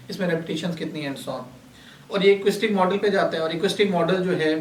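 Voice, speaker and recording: A high-pitched man teaches a workshop class. He explains terms patiently and asks the class questions that he then answers himself. His voice comes from some distance in an echoey room. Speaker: lecturer. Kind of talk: classroom lecture.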